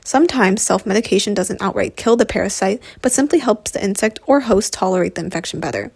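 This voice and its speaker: A woman's voice: medium pitch, quick pace, gravelly, darkish tone, slightly rough, no room sound, studio quality. A woman co-presenting with scripted, expository educational narration.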